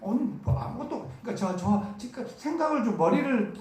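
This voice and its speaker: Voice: medium pitch, expressive, brisk, darkish tone. A preacher delivering a camp sermon, stressing and repeating key words and putting questions to the audience. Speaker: preacher at a church summer camp. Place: large church hall. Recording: very echoey hall with faint noise.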